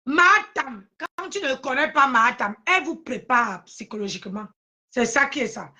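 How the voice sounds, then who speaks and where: High bright mocking woman. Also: expressive, moderate pace. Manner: mocking, sing-song taunting, repeats phrases. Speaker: live stream host. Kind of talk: heated live stream commentary.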